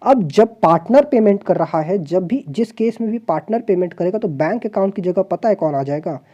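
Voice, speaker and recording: A woman's voice: mid-range voice, lively intonation, fairly quick, dark tone, lo-fi sound. A woman teaching a commerce exam-prep class online. She explains step by step, asks the class rhetorical questions and mixes English terms into her Hindi explanation.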